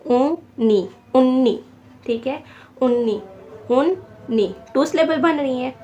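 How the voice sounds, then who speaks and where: A woman teaching a beginner vocabulary lesson, repeating each word slowly and spelling it out syllable by syllable. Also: sits high, a little mellow, highs cut off, a little hiss or hum. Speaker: language teacher.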